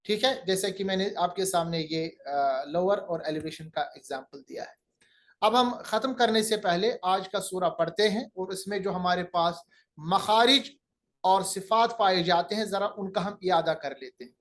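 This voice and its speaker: A man teaching Quranic recitation in a recorded lecture, explaining each sound step by step and demonstrating it slowly. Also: high-pitched, fairly bright tone.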